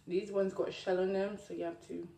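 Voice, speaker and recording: A woman's voice: medium pitch, flat delivery, brisk, creaky, mellow. A young Jamaican-accented woman chatting casually to viewers while eating, chewing as she talks with her mouth often full. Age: young adult. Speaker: mukbang vlogger. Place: small indoor room at a table. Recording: roomy, distant mic with faint noise.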